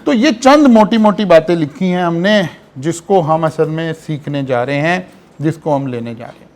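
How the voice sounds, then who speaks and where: A man's voice: a little high, normal speed, darkish tone. A man giving an online classroom lecture, explaining step by step and checking in with rhetorical questions. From Pakistan.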